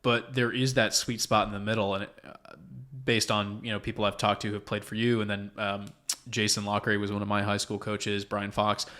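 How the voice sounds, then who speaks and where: A young man with a slightly low voice hosts a casual podcast chat. He tells animated stories and acts out what other people said. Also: brisk. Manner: animated storyteller, acts out quotes. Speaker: podcast host.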